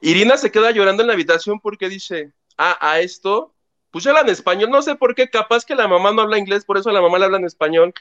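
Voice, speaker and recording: Animated high-voiced man. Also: fast, dull audio. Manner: animated storytelling, acting out quotes. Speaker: host. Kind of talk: casual gossip chat.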